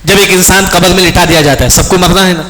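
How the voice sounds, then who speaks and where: A high, bright male voice carries through a large mosque hall, with a long echo trailing each phrase. He preaches with emphasis, poses questions to the congregation and answers them himself, and comes back again and again to the reminder to remember. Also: steady tone. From India. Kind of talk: sermon.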